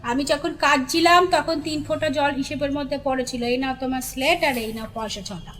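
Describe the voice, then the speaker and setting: A woman voicing a cranky old man with a hookah in a storybook reading, shrill and scolding. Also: fairly even intonation, brisk, fairly bright tone, slight background noise. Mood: grumbling.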